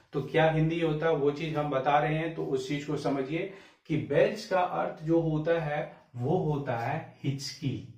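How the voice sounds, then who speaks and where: A man teaching English vocabulary in Hindi, asking "clear?" after each point and spelling words out letter by letter. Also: a little high, darkish tone, far from the mic. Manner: repetitive quizzing, asks "clear?" often; spells words letter by letter, drawls example sentences. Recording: echoey room, away from the mic.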